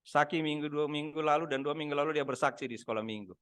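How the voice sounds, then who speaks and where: Older male pastor, sermon over a video call; slightly high voice, acts out the dialogue in his stories. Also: fast, clear, resonant tone. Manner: animated storytelling, acting out dialogue.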